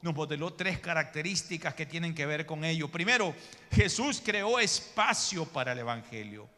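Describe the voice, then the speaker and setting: A man's voice: fairly high pitch, expressive, normal speed, sharp tone, in a large hall. A male pastor preaching a sermon in church, emphatic, calling his listeners brother and acting out the people in his stories. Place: church sanctuary.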